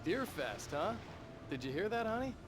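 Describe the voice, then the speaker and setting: A man's voice: sits high, sing-song, normal speed, music in the background. A man playing a dry, reserved city writer in a video game, speaking curtly. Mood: wry. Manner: dry, curt. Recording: loud vehicle and outdoor noise.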